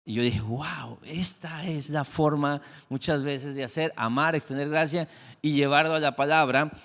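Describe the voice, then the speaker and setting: A middle-aged man preaching a sermon as pastor, telling a family story, acting out the dialogue and dropping into soft, reflective tones. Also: on the high side, moderate pace. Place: church sanctuary. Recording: long hall reverb.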